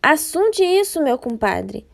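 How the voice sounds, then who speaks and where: A woman voicing a rural man who gossips in a hushed tone to his friend while she reads a folk tale aloud. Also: high-pitched, big pitch swings, takes it slowly, creaky, pitched above the performer's own voice, exaggerated voice. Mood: gossiping.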